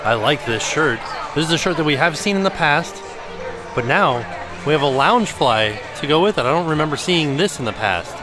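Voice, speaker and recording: A man's voice: fairly high pitch, animated, fairly quick. A man chatting casually and enthusiastically as he vlogs a food and merch review. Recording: loud music and busy outdoor crowd behind. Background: loud music, crowd.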